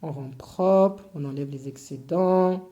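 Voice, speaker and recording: A woman with an English accent teaching a step-by-step cake decorating tutorial, explaining patiently in detail and often pausing on filler sounds. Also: low voice, mellow, dull audio. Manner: hesitant, full of filler sounds.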